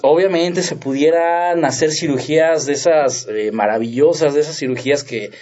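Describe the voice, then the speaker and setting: A man, a veterinarian guest, explaining things slowly and carefully in a casual podcast chat. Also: fairly high pitch, a little mellow, dull audio.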